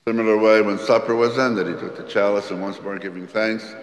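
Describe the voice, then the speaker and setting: A man leads the liturgy in a low, solemn voice, reciting each prayer at a steady, measured pace. His words ring out with a long cathedral echo, as in a large, roomy church. Each phrase hangs in the air of the hall. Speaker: priest. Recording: long echoey church reverb.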